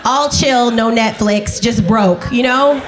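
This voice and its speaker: High-voiced animated woman comedian. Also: fairly quick, background noise. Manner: animated, acts out voices of others. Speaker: stand-up comedian. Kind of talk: stand-up comedy set. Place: comedy club stage.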